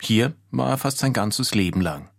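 A man hosting a radio feature, speaking in calm, measured scripted narration. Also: mid-range voice, gravelly, no echo, studio quality. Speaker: radio host. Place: home office.

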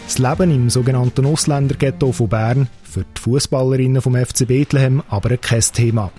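A man with a mellow voice and a Swiss German accent narrates a scripted radio review. His pitch is average, and faint music plays behind him. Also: steady tone, a little fast. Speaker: radio film critic.

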